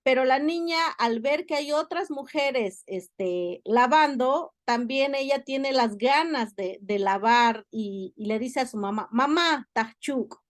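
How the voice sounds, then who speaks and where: A woman lecturer, explaining her research in an academic talk with frequent filler pauses. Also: high-pitched, dry recording, studio quality. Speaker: university lecturer.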